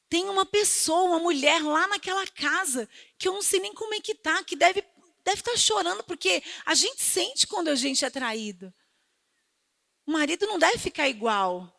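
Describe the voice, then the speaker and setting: A middle-aged Brazilian woman pastor giving an animated sermon, swinging between loud emphasis and hushed asides. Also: high-pitched, creaky. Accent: Brazilian Portuguese. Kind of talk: lively sermon with storytelling.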